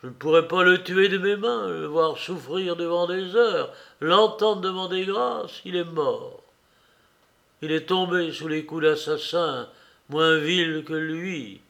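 A man voicing an older, grieving father who rants with loud, impassioned outbursts of rage and anguish. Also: high voice, takes it slowly, vocal fry, voice pushed up, full character voice. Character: older grieving father, a mayor, enraged and vengeful. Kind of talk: audiobook reading.

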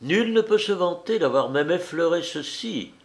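A man's voice: high-pitched, expressive, moderate pace, voice pushed up. A man voicing a passionate, torn society lady. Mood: confiding. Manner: impassioned, pleading. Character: elegant married woman, passionate, torn, seductive.

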